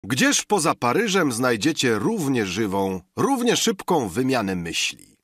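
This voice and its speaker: A man's voice: medium pitch, wildly swooping pitch, measured pace, a bit bright, husky, dry recording, clean studio sound, pitched above the performer's own voice, heavily acted. A man voicing a drunken male artist who blusters theatrically in an audiobook. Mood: blustering. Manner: blustering, exaggerated.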